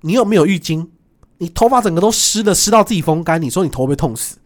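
Brief: young man, a bit high-pitched, rapid animated storyteller. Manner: animated, quick, acts out voices in his stories. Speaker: guest. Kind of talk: storytelling in casual chat.

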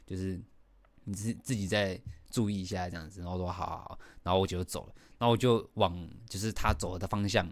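A middle-aged man with a Taiwanese Mandarin accent hosts a podcast, telling a story in an animated way with lots of fillers and laughs. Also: fairly low pitch, no room sound. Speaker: podcast host. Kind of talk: casual storytelling.

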